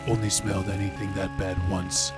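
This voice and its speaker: An actor playing a weary, guarded police detective who talks tersely and hesitantly in an old-time radio drama. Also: male voice, low voice, flat delivery, normal speed, close to an everyday voice. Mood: entranced. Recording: loud music bed under the voice.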